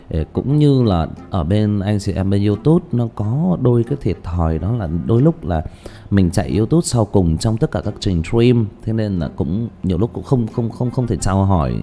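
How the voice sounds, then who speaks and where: A livestream host who reads ghost stories speaks in a low-pitched, mellow voice. His casual talk rambles with frequent restarts and repeated words, and faint background music can be heard.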